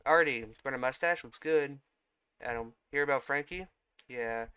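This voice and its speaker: A man's voice: medium pitch, moderate pace, fairly bright tone, clean tone, dry recording. A man reading a whole film script aloud as a comedy bit, voicing every part in his own voice and stumbling now and then. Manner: reads all parts in one mostly plain voice, with small slips and self-corrections.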